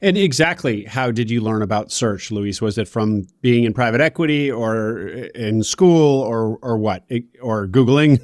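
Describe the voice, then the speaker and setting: A man's voice: medium pitch, unhurried, hardly any pauses, darkish tone, no room sound, studio quality. A man hosting an interview podcast who asks upbeat, probing questions. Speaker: podcast host.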